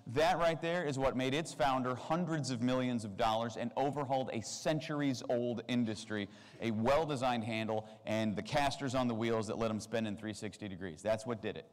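A man in his forties giving a comedic keynote talk on a convention stage, animated, with sarcastic asides and big jumps in pitch. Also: normal speed. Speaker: keynote speaker. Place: large convention hall stage. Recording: long hall reverb.

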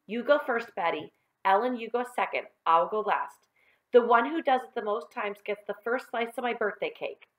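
A woman's voice: on the high side, normal speed, pitched above the performer's own voice, lightly acted, low-quality recording. A woman voicing a bossy, scornful young schoolgirl in a children's storybook, speaking dismissively. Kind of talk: children's storybook read-aloud.

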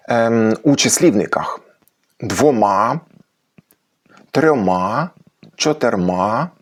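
Gravelly, husky man explaining grammar. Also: medium pitch. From Ukraine. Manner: explains patiently, slows to stress example words. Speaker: language channel host. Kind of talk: educational talk on language history.

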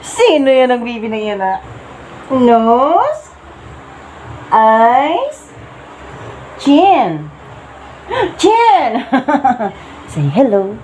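A woman's voice: on the high side, huge pitch swings, extremely slow, pauses often, darkish tone, a little hiss or hum. A young Filipino woman with a Filipino accent, casually vlogging at home, switching between playful baby talk to her son and chatty asides to viewers, often laughing. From Philippines. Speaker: vlogger and mother. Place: home living room.

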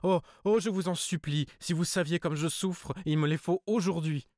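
A man's voice: lowish voice, moderate pace, darkish tone, no room sound, studio quality, close to an everyday voice. Man doing a trembling, pleading genteel lady. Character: distressed hypnotized woman, genteel cousin.

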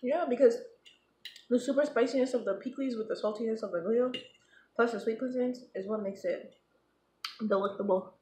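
A woman's voice: fairly high pitch, moderate pace, long pauses, warm tone. A woman hosting a home video, chatting casually and upbeat while she eats at a table. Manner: chatty and upbeat, talks between bites. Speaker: vlogger hosting a food-eating video. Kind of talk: casual chat while eating. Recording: echoey room with clattering dishes. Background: clinking cutlery and dishes.

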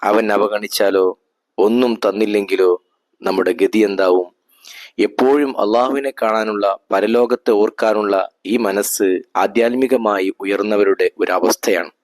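A man's voice: lowish voice, steady tone, measured pace, no echo, close to an everyday voice. A man voicing a pious, honest male adviser in a spoken history story, talking earnestly and reflectively.

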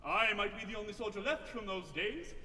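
A man's voice: high voice, expressive, a little fast, slight background noise, heavily acted. A man playing a doting old army sergeant. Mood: fond. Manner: warm teasing storyteller, blustery when alarmed. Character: gruff fatherly older army sergeant, doting and protective. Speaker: opera singer-actor. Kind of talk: spoken opera dialogue on stage. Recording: echoey hall from off-mic, with music.

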